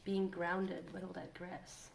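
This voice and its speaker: A woman's voice: on the low side, level tone, takes it slowly. Musing woman tarot reader in an echoey room. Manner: musing, thinking aloud, trailing off and repeating phrases. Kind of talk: casual spoken tarot energy reading. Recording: roomy echo, clear background noise.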